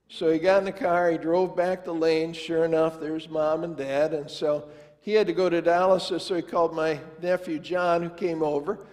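In a somewhat high, slightly mellow voice, an older pastor shares a family story from before the altar of a large sanctuary, speaking casually and folksily and acting out the dialogue. The storytelling sermon has a long church reverb.

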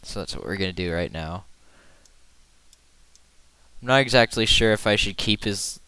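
Low, bright-voiced man narrating his drawing. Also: lively intonation, moderate pace, smooth, no echo. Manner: rambling and self-deprecating, hums to himself while working. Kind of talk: casual screen-recorded drawing commentary.

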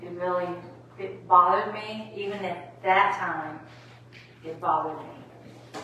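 A woman's voice: on the low side, bright, forceful tone. A woman in a home Bible study group speaking earnestly, recorded in an echoey room from a distance. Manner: slow, earnest, recalling a memory. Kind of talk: casual group discussion. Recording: echoey room from far off, faint noise.

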